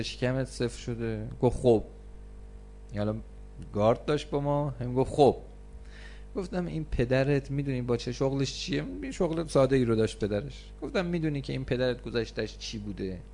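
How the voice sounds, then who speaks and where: A man in the middle of his pitch range delivers a religious talk. He leans on slow, weighty repetition and slips into animated storytelling. A faint hum sits under his voice. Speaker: preacher and counselor.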